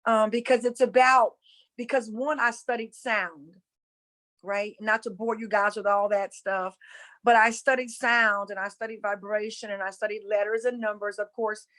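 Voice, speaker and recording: A woman from North Carolina, USA, with a Southern accent teaches about spirituality in a casual, earnest way, repeating phrases for emphasis. Her voice sits at a medium pitch with a steady, fairly bright tone and a moderate pace.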